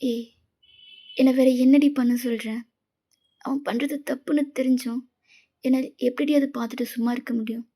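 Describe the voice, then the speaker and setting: A woman's voice: high voice, steady tone, normal speed, pauses often, mellow. A woman voicing a grieving young woman who speaks tearfully and pleads with her friend. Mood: pleading.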